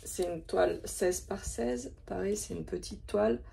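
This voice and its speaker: Slow, gravelly-voiced woman. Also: lowish voice, mellow, a little hiss or hum. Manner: chatty, hesitant, with many fillers. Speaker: craft vlogger. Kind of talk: casual show-and-tell of craft stock.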